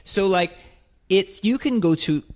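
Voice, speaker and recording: Man, podcast co-host, high-pitched, expressive, mock accents, casual chat. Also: measured pace.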